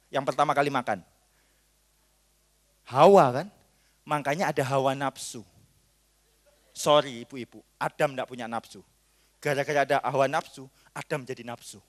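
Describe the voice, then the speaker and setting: A pastor preaching at a marriage seminar, joking and acting out little scenes between husband and wife. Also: male voice, medium pitch, normal speed, long pauses. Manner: jokey and animated, acts out little scenes. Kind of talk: lively seminar sermon.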